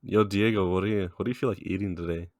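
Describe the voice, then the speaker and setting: A man's voice: low voice, fairly even intonation, fast talker, dry recording, studio quality. A tipsy man co-hosting a podcast, teasing his friends in playful, slangy banter. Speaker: podcast co-host.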